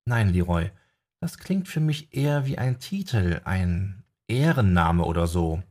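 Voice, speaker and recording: Man doing a sharp young woman necromancer, scolding, husky, lively pitch, audiobook. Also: a little slow, heavily acted. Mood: brisk.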